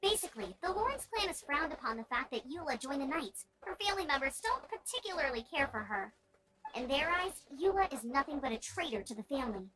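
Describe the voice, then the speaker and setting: A woman with a voice that sits high and swings widely in pitch plays a perky young scout knight in a video game, speaking fairly quickly. She explains things in a friendly, upbeat, eager, encouraging way. The recording is low quality, with loud game music behind her.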